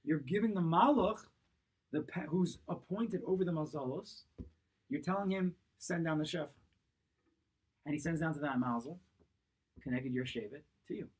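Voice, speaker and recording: A rabbi in his thirties teaches a Torah class, explaining a text from a table in a small synagogue study room, recorded by a camera a few feet across the table. His slightly high, expressive, darkish voice has a breathy edge and a normal pace with long pauses; he poses questions, answers them himself, and repeats key phrases. The audio is poor.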